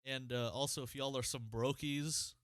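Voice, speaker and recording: A podcast co-host from Ohio in the United States rants in casual conversation, animated and swearing constantly. His voice sits in the mid-range and moves at a normal speed, with no room sound on the recording.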